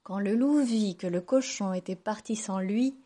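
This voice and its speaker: A woman reading a children's fairy tale aloud in a gentle, even storytelling manner. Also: medium pitch, moderate pace.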